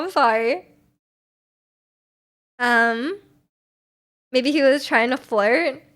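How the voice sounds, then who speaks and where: Giggly high-voiced young woman streamer. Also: fairly bright tone. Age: 20s. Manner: giggly, chatty, often laughing. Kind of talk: casual chat reading viewer messages.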